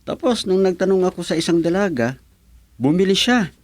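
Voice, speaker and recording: An actor playing a polite, earnest young egg vendor in an expressive radio drama style. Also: male voice, high voice, normal speed, no room sound.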